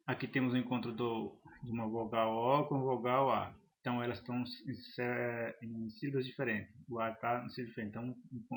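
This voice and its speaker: A man teaching a grammar lesson, halting and restarting phrases as he explains examples. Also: medium pitch, a bit bright. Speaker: Portuguese teacher.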